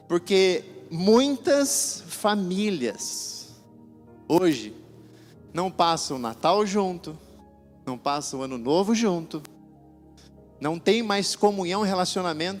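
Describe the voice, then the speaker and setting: High-voiced preacher telling stories. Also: male voice, in a large hall. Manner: joking storyteller, acts out voices. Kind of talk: sermon with storytelling.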